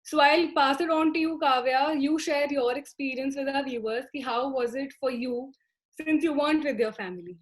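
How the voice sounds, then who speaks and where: A woman's voice: sits high, moderate pace, poor audio. A young woman moderating a panel in a conversational, reflective way. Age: young adult. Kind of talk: casual panel discussion.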